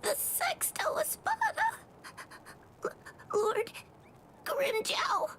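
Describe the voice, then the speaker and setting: A woman's voice: extremely high pitch, big pitch swings, extremely slow, a bit bright, a little hiss or hum, heavily acted, rough recording. Orihime, a tearful girl. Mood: anxious. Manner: pleading, tearful. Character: gentle, frightened young woman healer. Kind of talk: game cutscene voice acting.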